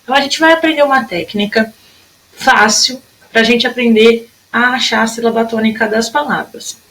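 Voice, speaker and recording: A young adult woman with a Brazilian Portuguese accent teaching a recorded lesson to children, patient and stretching words out slowly to show them. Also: a little high, a bit bright, low-quality recording. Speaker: primary school teacher.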